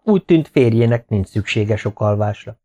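A man reading a novel aloud as an audiobook narrator, in a steady, even manner. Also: on the low side. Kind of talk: scripted narration.

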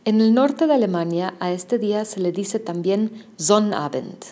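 Woman, language teacher, slow deliberate delivery, patient drills, careful enunciation. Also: medium pitch, warm tone. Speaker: German teacher.

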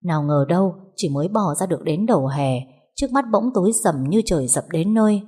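Storyteller: woman, low, warm, breathy, expressive audiobook reading. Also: brisk. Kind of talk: audiobook novel narration.

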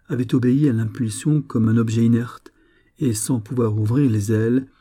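A man narrating an audiobook story in a measured, expressive way. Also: fairly low pitch.

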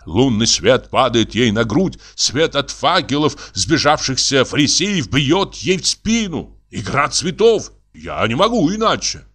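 A man voicing a hot-tempered painter who rants and shouts in an audiobook reading. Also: medium pitch, sing-song, a little slow, voice pushed up. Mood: ranting. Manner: ranting, shouting.

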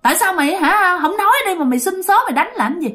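A woman voicing a furious, bullying male ghost who barks repeated questions in a shrill, scolding voice. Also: lively intonation, fast talker, pushed and bright, full character voice.

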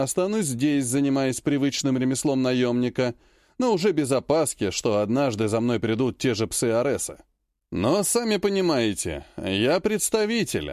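A man narrating a fantasy audiobook and voicing each character with changes in pitch and pace. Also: darkish tone, no echo, studio quality. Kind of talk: audiobook reading with character voices.

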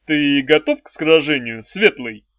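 A man's voice: fairly high pitch, lively intonation, a little slow, no room sound. A man voicing a self-assured, mocking lord of darkness with a dry ironic manner. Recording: dry, slightly dull audiobook recording.

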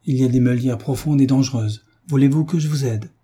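Give me a man playing a sturdy, dutiful farmer guide, calm and reassuring, with a dark, husky tone. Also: mid-range voice, fairly quick, voice pushed up, natural voice. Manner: steady, respectful, reassuring.

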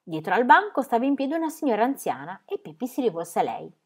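A woman reading a children's book aloud in a lively, expressive manner. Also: fast talker. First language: Italian. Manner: expressive, with rises and falls in pitch. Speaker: storybook reader.

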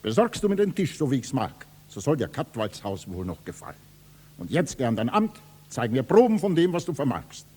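An actor playing a gruff, domineering middle-aged count in a 1960s radio play, blustering in classic verse. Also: male voice, medium pitch, very animated, fairly quick, darkish tone. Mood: grudging. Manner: blustering, commanding. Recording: reverberant old radio studio.

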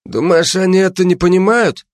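A man's voice: sits high, normal speed, dry recording, studio quality, pitched above the performer's own voice, close to an everyday voice. A man voicing a burly, skeptical gangster who argues back sarcastically.

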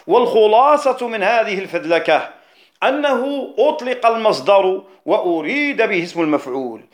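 A man, a jurist, explaining a classical poem on rhetoric in a recorded lesson, repeating key phrases and slowing down on technical terms. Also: high voice. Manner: slows down to stress technical terms. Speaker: Islamic jurist teaching rhetoric.

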